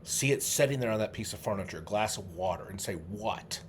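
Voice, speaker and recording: A middle-aged man, a memory trainer, leading a guided memory exercise, coaching the listener through vivid images with slow, drawn-out repetition. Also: lowish voice, expressive, a little hiss or hum. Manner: slow, drawn-out repetition with sudden loud "ta-da" bursts; vivid, coaxing visualization instructions.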